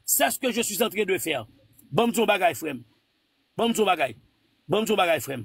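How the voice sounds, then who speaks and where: A man's voice: high voice, animated, moderate pace, creaky, fairly bright tone, slightly rough, no room sound. A man from Haiti hosting a live stream, insistently cutting in and lecturing a caller with scripture. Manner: insistent, repeats words to cut in; preachy, quotes scripture. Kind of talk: heated live call-in debate.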